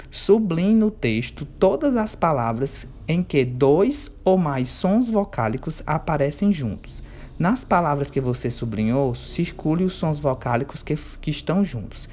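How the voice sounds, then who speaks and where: Man, teacher of young kids, patient, drawls words out slowly to spell them, keeps checking that the class follows. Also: a little high, darkish tone, slight background noise. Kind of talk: remote workbook lesson for children.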